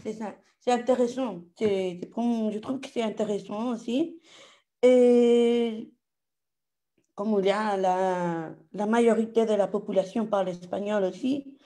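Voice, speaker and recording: Hesitant Spanish-accented woman, mellow voice. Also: mid-range voice. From Ecuador. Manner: hesitant, halting, with many fillers. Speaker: caller.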